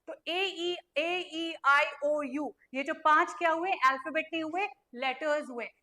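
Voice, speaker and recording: Running an online grammar class, this young female teacher speaks a little slowly in a bright, high voice. Her habit is to quiz the students and then supply the answers herself, pulling each letter out separately when she spells a word.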